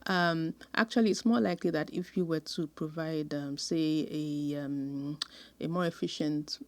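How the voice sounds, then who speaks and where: A woman sociologist answering interview questions in a measured, thoughtful way, pausing often with ums. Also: deep voice, fairly even intonation, no room sound. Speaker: sociologist guest.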